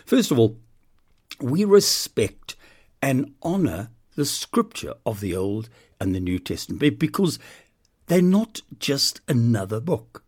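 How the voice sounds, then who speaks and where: A man's voice: mid-range voice, sing-song, slow pace, darkish tone, husky. An older man giving an earnest, emphatic devotional sermon on a podcast, lingering on key words. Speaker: podcast preacher.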